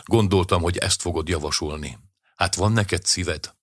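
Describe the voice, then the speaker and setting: A man voicing a soft-hearted car thief who is driving, in a storybook reading. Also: low voice, no echo, studio quality. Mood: indignant.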